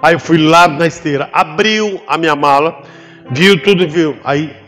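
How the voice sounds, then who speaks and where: A man with a Brazilian Portuguese accent, a pastor giving an animated testimony in church and acting out the voices in his story. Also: fairly high pitch, unhurried. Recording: long hall reverb with faint music behind.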